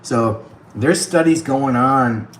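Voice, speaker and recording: A man livestreams casually from an iPad while on the road, chatting, laughing often, and thanking viewers by name. His mid-range, fairly bright voice is slow and getting a bit worn. The tablet mic picks up a reverberant sound with slight background noise.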